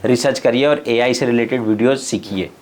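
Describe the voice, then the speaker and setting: A man's voice: medium pitch, a little fast. A man giving earnest, rustic advice in a casual podcast interview. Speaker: YouTube creator guest.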